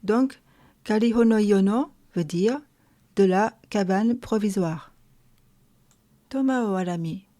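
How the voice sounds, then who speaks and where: Woman, teacher, slow careful lesson narration, soft mellow tone. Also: medium pitch. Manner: calm, careful, step-by-step explaining. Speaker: language teacher.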